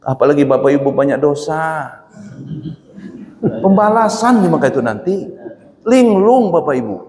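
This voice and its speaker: Male preacher, fairly high voice, chatty storyteller, echoey hall with long reverb. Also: very animated, normal speed, a little mellow. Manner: chatty, keeps addressing listeners as Pak. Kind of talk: humorous sermon storytelling. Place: mosque hall.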